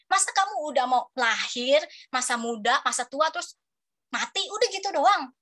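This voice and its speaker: A woman in her thirties preaching to young people in a lively, chatty way. Her voice sits high and sounds bright and forceful. She keeps asking the room questions to draw them in. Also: normal speed. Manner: animated and chatty, asks the audience questions. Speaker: youth preacher. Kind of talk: lively youth sermon.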